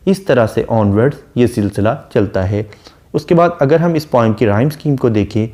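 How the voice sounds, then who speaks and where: Man, literature lecturer, dark relaxed tone, slow verse readings. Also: medium pitch. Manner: reads English verse slowly, then explains. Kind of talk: explaining a sonnet line by line.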